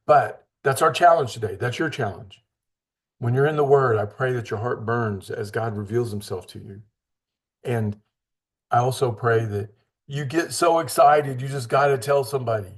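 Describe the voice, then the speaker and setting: A man's voice: medium pitch, moderate pace, husky. A man teaching a casual Bible study in an earnest, conversational way, acting out the voices he quotes.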